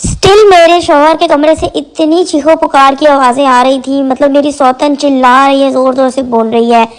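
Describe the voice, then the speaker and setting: A woman's voice: high-pitched, fairly even intonation, moderate pace, rough recording. A woman vlogger telling a dramatic story about her home life in a casual, indignant way.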